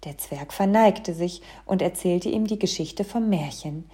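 Female storybook reader, expressive, warm and husky. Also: lowish voice, measured pace. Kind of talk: storybook reading aloud.

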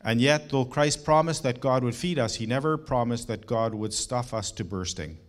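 A middle-aged man delivers a sermon with earnest, emphatic conviction. He leans on rhetorical questions and turns to the congregation with warm personal asides. His voice sits at an ordinary middle pitch for a man. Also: normal speed. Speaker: pastor.

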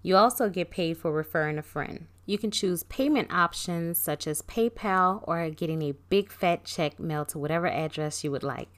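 A woman podcast host reading a scripted sponsor spot. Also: on the low side.

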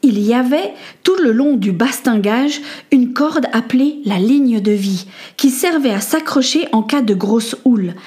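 A woman narrating a storybook adventure in a clear, expressive reading. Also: fairly high pitch, unhurried.

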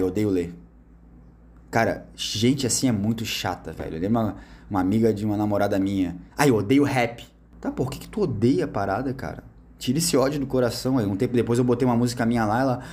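A Brazilian man talks straight to his viewers in a loose, slang-filled monologue, with a mid-range voice that is neither high nor low. He drives his points home with emphasis, like a friend giving blunt advice on love and connection. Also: a little mellow, breathy edge. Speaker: vlogger giving relationship advice. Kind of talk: casual monologue to camera.

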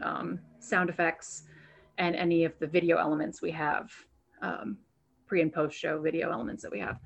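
A woman's voice: fairly low pitch, lo-fi sound. A woman guest talking casually in an interview, chatty and restarting her sentences as she thinks. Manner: chatty, repeats words while thinking, many "um"s. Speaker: guest, burlesque performer and show producer. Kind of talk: conversational interview answers. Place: home, on a video call.

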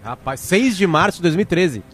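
A man's voice: high-pitched, expressive, brisk, fairly bright tone, breathy edge. A man hosting, chatty and explanatory. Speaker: host. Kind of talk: casual podcast talk.

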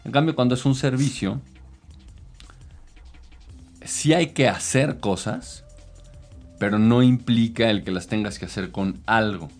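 A man's voice: mid-range voice, a little slow, pauses often, darkish tone, faint music behind. A man, a consultant, explaining business ideas in casual chat, with many hesitations and fillers.

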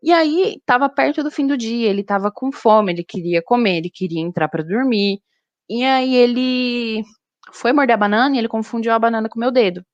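Animated woman zookeeper telling a story. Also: fairly high pitch, brisk, dry recording, highs cut off. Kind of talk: casual chat.

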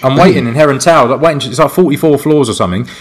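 A man from Liverpool, a podcast co-host, telling a story in casual chat, animated and laughing, jumping into high voices to quote people. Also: very fast, husky.

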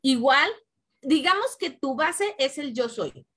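A podcast co-host chats in a relaxed, casual spiritual conversation, speaking slowly in a high, bright voice. She's earnest and reassuring, leaning into repeated affirmations.

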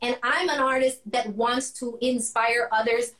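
Upbeat woman livestream guest, high voice, motivational, rapid delivery. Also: echoey room. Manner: energetic, hyping up the audience. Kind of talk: casual livestream chat.

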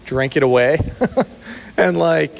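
Slow and creaky, this man's voice sits on the high side. He co-hosts a podcast from a sheltered outdoor location, his words wrapped in heavy echo. Relaxed and teasing, he laughs a lot as they banter.

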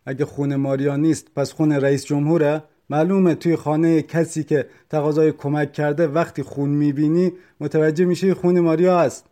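A man voicing a desperate, grieving brother who shouts and pleads with police. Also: on the high side, level tone, few pauses, close to an everyday voice. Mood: pleading angry.

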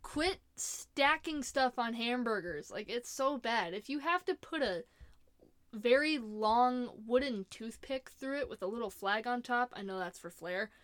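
A woman's voice: fairly high pitch, expressive, a little slow, a bit bright, no room sound. A young woman ranting casually about her opinions in a chatty, exasperated way, laughing often. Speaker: vlogger.

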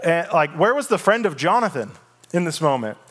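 A male pastor delivers a sermon in a relaxed, conversational way. He tells the story casually, slips in everyday slang, and reads scripture aloud in a slightly high voice. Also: brisk.

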